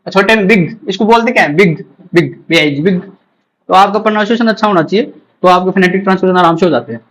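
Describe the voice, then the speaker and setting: High-voiced man teaching phonetics. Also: a bit bright, low-quality recording. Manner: repeats points, drills sounds slowly aloud. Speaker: English teacher. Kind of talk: exam-prep lesson.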